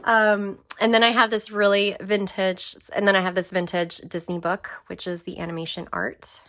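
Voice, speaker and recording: A woman's voice: medium pitch, flat delivery, normal speed, a bit bright. A young woman casually chatting through a tour of her craft room, enthusiastic and full of fillers and restarts. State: briefly out of breath. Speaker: craft vlogger.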